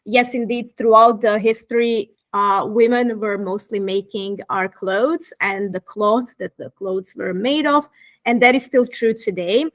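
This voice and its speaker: Thoughtful and articulate, a Croatian fashion activist in her thirties talks as a guest in an interview. Her voice sits at medium pitch and moves at a somewhat slow pace.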